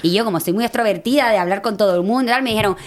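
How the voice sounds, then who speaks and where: Rapid, bubbly woman storyteller. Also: medium pitch. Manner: lively, laughing, acts out quoted lines. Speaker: podcast guest. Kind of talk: casual chat, storytelling.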